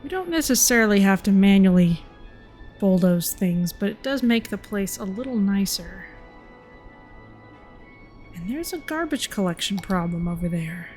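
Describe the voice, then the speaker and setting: A woman's voice: mid-range voice, expressive, normal speed, pauses often, darkish tone, faint music behind. A woman giving casual gameplay commentary as host of a gaming video.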